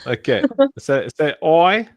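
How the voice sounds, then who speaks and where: A man hosting a relaxed livestream, speaking slowly with a lively rise and fall in his voice. He jokes and teases his guests. The sound is dry and close to the mic. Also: a little high, dry recording. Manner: joking, teasing, coaching guests to repeat words. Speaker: livestream host. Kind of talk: casual livestream chat.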